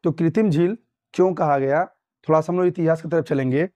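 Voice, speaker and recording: A man's voice: a little high, a little fast, warm tone. A young man from Uttar Pradesh teaching an exam-prep lesson, repeating points and quizzing listeners with tag questions. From Uttar Pradesh, India.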